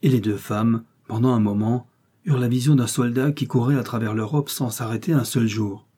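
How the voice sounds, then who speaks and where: A man reading a short story aloud in a measured narrating manner, raising his voice for the characters' lines. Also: steady tone, mellow, husky. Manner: measured, voicing characters' lines with raised pitch.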